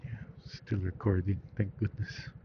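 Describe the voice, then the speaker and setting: A man's voice: low-pitched, little pitch movement, unhurried. Muffled man rambling inside a motorcycle helmet. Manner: musing aloud, offhand, with swearing. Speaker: motorcycle vlogger. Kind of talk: rambling casual commentary while riding. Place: inside a helmet, riding a motorcycle outdoors at night. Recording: muffled helmet audio, loud engine and wind noise.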